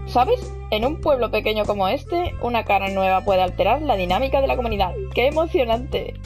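A woman with a Spain Spanish accent reading the lines of a cheerful young woman villager, a little higher and brighter than her own voice, with game music behind. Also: animated, fairly quick, lightly acted.

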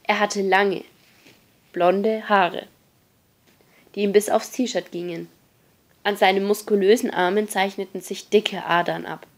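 A woman narrating an audiobook in a plain, even storytelling manner. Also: mid-range voice, a little slow, pauses often. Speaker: audiobook reader.

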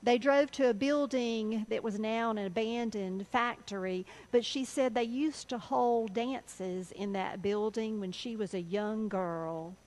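A woman pastor with a Southern US accent, telling a story in a sermon with an earnest, measured delivery. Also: on the high side, a little mellow, poor audio.

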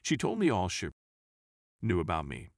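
Low-voiced man narrating a forum story. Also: moderate pace, dry recording, studio quality. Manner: steady reading of a first-person account.

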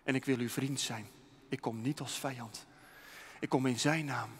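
A man's voice: mid-range voice, steady tone, normal speed, slight background noise, pitched below the performer's own voice, natural voice. A man doing an earnest pleading missionary. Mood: pleading calm. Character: tense Dutch missionary man, pleading calmly. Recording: long hall reverb.

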